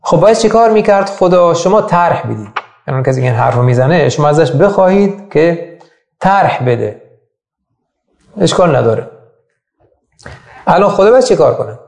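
Gravelly man giving a religious lecture. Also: on the high side, expressive, long pauses, a little mellow. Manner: rhetorical questions to listeners. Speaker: religious teacher. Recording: echoey room.

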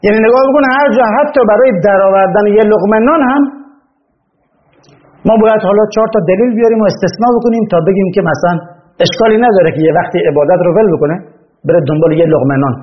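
Impassioned high-voiced male religious lecturer. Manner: impassioned, rising in pitch when stressing points. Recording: dull lo-fi recording with faint noise.

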